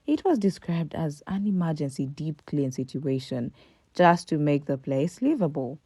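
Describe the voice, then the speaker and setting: A woman's voice: low-pitched, animated, normal speed, mellow, breathy edge, no room sound. A woman reading a scripted commentary voice-over, emphatic and full of rhetorical questions. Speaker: commentary narrator.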